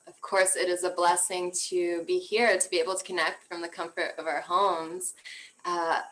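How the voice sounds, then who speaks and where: A young woman from Canada speaking at home, giving a gentle, flowing online workshop talk on tantra with soft laughs and fillers. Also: lowish voice, low-quality recording.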